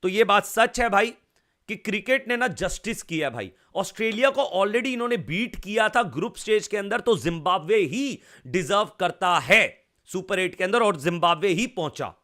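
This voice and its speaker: A man's voice: high-pitched, expressive, moderate pace, pushed and bright. A young man from India talking cricket in a casual, chatty way, often calling the viewer brother. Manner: chatty, keeps saying bhai and bro. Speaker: cricket commentator.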